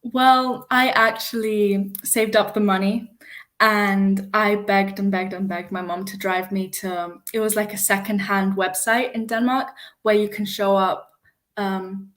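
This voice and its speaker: A woman's voice: mid-range voice, fairly even intonation, unhurried, a bit bright. A young woman, a singer-songwriter, answering interview questions in a modest, easygoing way. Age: young adult. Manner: modest, easygoing, laughs lightly.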